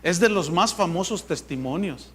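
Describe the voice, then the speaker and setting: A male pastor preaches to a congregation in a high voice. He talks emphatically and conversationally, often slipping into mockery. His delivery stays direct and pointed. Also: expressive, moderate pace, fairly bright tone, slight background noise. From Mexico. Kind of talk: sermon. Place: church with a live congregation.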